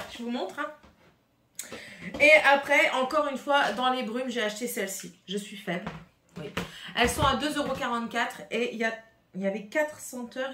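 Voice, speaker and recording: A woman's voice: a little high, pushed and bright. A French-accented woman vlogging at home, chatting casually through a shopping haul, rambling with many fillers and restarts. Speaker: beauty vlogger. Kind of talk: casual haul chat to camera. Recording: echoey room, faint noise.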